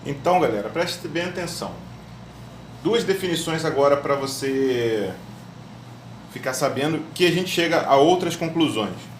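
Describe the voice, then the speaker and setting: A man's voice: a little high, expressive, normal speed, distant mic. A man teaching a music theory lesson step by step, often checking in with his students. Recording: echoey room, voice off-mic, faint hum.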